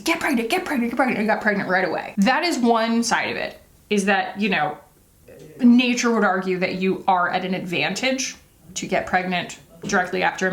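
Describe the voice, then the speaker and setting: A woman beauty vlogger talking casually and confessionally, in a candid, empathetic way with emphatic asides. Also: mid-range voice. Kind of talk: casual confessional chat while doing makeup.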